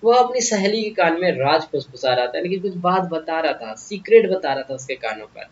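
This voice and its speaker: A man's voice: fairly high pitch, very animated, fairly quick, dull audio. A man teaching English vocabulary in a casual, joking way, often asking the viewer questions. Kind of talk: casual Hindi vocabulary lesson.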